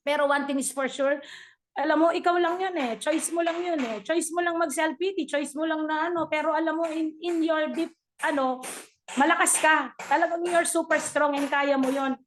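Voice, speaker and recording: A woman's voice: high voice, steady tone, moderate pace, a little hiss or hum. A middle-aged woman sharing her church testimony in a chatty way, laughing often and mixing in English.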